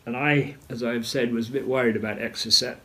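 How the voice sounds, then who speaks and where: An older man recalls events at a measured storytelling pace in an interview, often clearing his throat. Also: mid-range voice, fairly even intonation, a bit bright. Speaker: retired naval officer interviewee. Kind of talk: interview recollection.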